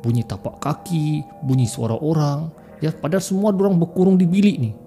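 A horror story podcaster tells tales in a relaxed, chatty way, often turning to his listeners and calling them "guys." His voice is mellow and dark, a little high, and brisk. Faint music plays underneath.

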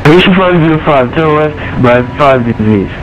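A man working as an air traffic controller, heard over an aviation radio channel, giving measured instructions in clipped phraseology and reading numbers digit by digit. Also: a little high, expressive. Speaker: air traffic controller in a flight sim network. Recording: muffled radio with strong static.

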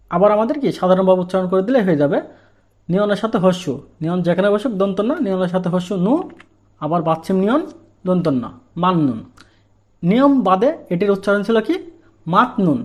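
A man with a high voice teaches a language class. He walks through each rule patiently, repeats it, and poses rhetorical questions before answering them himself. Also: darkish tone. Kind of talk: explaining a lesson step by step.

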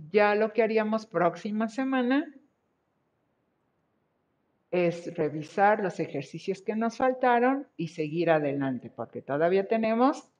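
A woman teaching English over a video call, her words coming slowly and patiently as she praises each answer. The audio is muffled and lo-fi, like a laptop mic. Her colors her English. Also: medium pitch, darkish tone. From Mexico. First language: Spanish. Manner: patient, encouraging, repeats praise. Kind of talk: online class, checking answers.

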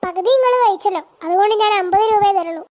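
Brief: naive squeaky cartoon auntie, very high voice. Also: female voice, fast talker, warm tone. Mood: bickering. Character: naive chatty middle-aged woman, Pathu. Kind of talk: cartoon voice acting.

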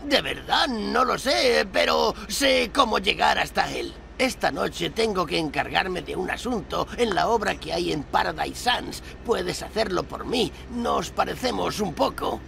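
An actor playing an excitable male gangster henchman with a gossipy, dramatic way of talking in an animated game scene. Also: high-pitched, a little slow, creaky, few pauses, a little hiss or hum, full character voice. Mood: resigned. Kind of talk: animated game cutscene acting. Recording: music behind the voice.

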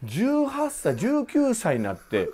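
A man's voice: very high voice, takes it slowly. A man in his fifties with a Kansai accent, a guest telling stories in casual chat and acting out the people he quotes. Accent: Kansai Japanese. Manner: animated, acts out quoted voices. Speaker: guest, former baseball player.

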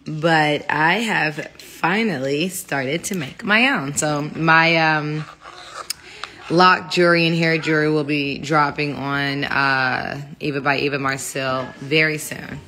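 A woman's voice: low voice, fairly even intonation, slow pace, pushed and bright, a little hiss or hum. A woman in her thirties chatting casually on a phone livestream from her home kitchen, rambling and laughing easily. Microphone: phone held close.

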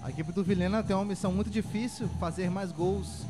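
A man's voice: sits high, fairly even intonation, quick pace, over loud music. A Brazilian man giving conversational analysis as a football co-commentator during a live match.

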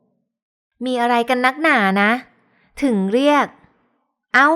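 A cheeky young younger sister in a romance audiobook, voiced by a woman narrator. She talks back in an offhand, teasing way, her voice pitched high and kept smooth. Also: unhurried, a bit bright. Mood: sulky teasing.

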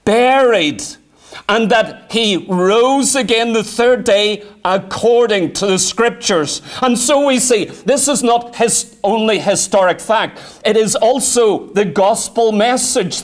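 A man preaching a sermon, emphatic and full of rhetorical questions, quoting old-style scripture. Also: sits high. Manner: emphatic, rhetorical questions, quotes scripture in King James wording.

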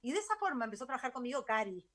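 A middle-aged woman with a Rioplatense Spanish accent, a guest telling her story in a chatty, animated radio interview. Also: sits high, rapid-fire. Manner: animated, chatty, laughs easily. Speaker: guest, travel author. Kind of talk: casual interview talk.

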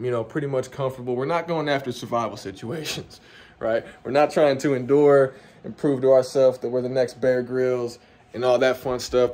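A young man casually walking through his camping gear in a home basement, talking to a handheld phone camera in a relaxed, chatty way. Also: mid-range voice. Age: young adult. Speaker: outdoor gear vlogger. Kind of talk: casual vlog walkthrough. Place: home basement room, indoors. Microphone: phone camera held close.

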